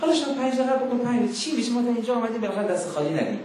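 A man preaching a sermon to a young audience, emphatic and full of rhetorical questions, slowly intoning scripture verses in between. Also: very high voice, animated, darkish tone, slight background noise. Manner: emphatic, rhetorical questions, acts out mock dialogues. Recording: very echoey room.

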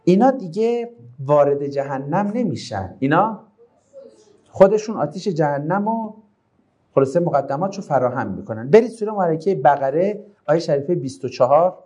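A man teaching a Quranic lesson to a class, reciting Arabic verses and explaining them, his delivery swinging between quiet asides and raised exclamations. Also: on the high side, lively intonation, husky, highs cut off. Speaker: religious teacher.

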